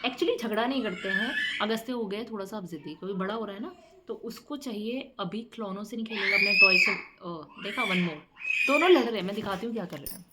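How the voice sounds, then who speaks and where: A woman's voice: mid-range voice, animated, fast talker. A woman in her thirties, a mother chatting casually to her vlog audience and mixing English phrases into her talk. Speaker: vlogger, mother. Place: home. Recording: noisy home recording.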